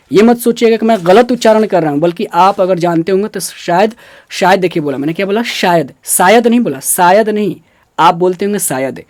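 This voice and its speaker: A man's voice: high voice, a little mellow, no room sound. A man teaching Hindi grammar for an exam. He asks questions and answers them himself, repeats the key words, and stresses careful pronunciation. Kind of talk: exam-prep grammar lesson.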